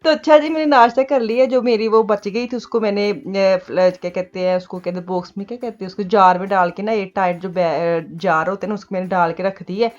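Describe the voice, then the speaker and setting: A woman's voice: mid-range voice, fairly even intonation, brisk, hardly any pauses, muffled recording. A middle-aged woman from Pakistan with a Punjabi accent, chatting casually in a home vlog and laughing often. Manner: chatty, laughs often, mixes Punjabi words into her talk. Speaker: vlogger. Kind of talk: casual chat. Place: home kitchen.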